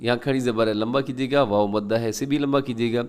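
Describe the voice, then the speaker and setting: A man teaching Quran recitation step by step, slowly repeating short phrases of each verse and then explaining the rules in an instructive way. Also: mid-range voice, fairly even intonation, a little mellow.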